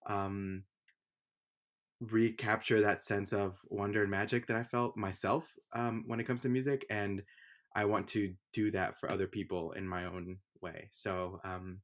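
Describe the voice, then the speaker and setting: A man's voice: on the low side, a little slow. A young man from Honduras, a music producer, talking casually in an interview with plenty of fillers and restarts. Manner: relaxed, rambling with many fillers. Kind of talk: conversational interview.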